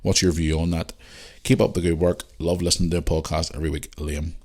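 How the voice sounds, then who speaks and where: This podcast host, a man with a Northern Irish accent, reads out listener messages and answers them in a relaxed, informal manner. His low voice is a little mellow, shows little pitch movement, and runs fairly quick.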